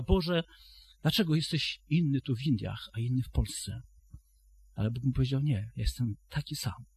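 A man's voice: on the high side, a little mellow, breathy edge, no echo. A man preaching a sermon to a congregation, retelling a story and then addressing his listeners directly, often restarting his phrases.

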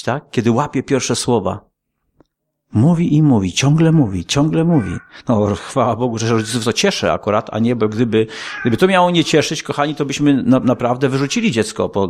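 A man's voice: mid-range voice, expressive, fairly quick. A male pastor preaching a sermon in a conversational style, with frequent rhetorical questions. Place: church.

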